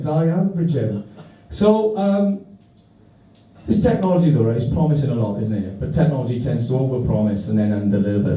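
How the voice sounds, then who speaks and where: Man, South Wales Valleys accent, stand-up storytelling, very dark mellow voice, very echoey distant venue recording. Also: medium pitch. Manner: sweary, matey, self-deprecating. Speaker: stand-up comedian. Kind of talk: live stand-up comedy, anecdotal storytelling. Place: indoor live comedy venue. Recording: echoey venue, distant muffled mic, faint noise.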